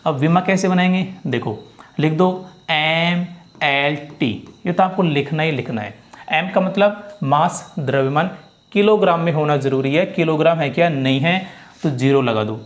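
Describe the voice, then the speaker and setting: A man's voice: a little high, normal speed. Man teaching physics in a dull lo-fi recording. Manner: repeats steps, asks students if they understood. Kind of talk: classroom-style lesson.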